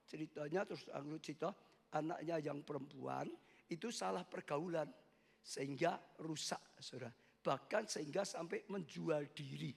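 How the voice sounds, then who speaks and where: A man preaches a passionate sermon, his voice pitched high and roughened with a gravelly, husky edge. He swells often into loud cries toward the congregation. The long reverb of a church hall trails behind every phrase. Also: normal speed. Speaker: pastor. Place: church worship service.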